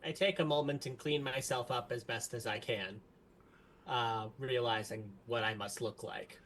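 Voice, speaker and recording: A man's voice: medium pitch, steady tone, normal speed, a bit bright. A man casually describing his character's actions as a player in a tabletop role-playing game.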